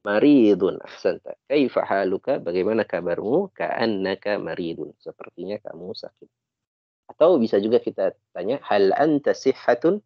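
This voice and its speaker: A man's voice: fairly low pitch, animated, moderate pace, dry recording, lo-fi sound. A man with an Indonesian accent teaching an online Arabic class, patiently correcting and translating phrases.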